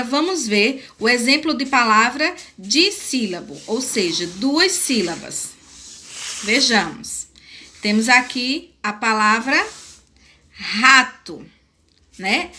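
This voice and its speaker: Slow, bright-voiced Brazilian woman teacher. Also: fairly high pitch. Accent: Brazilian Portuguese. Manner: slow, deliberate, spelling out syllables. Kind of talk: recorded classroom lesson.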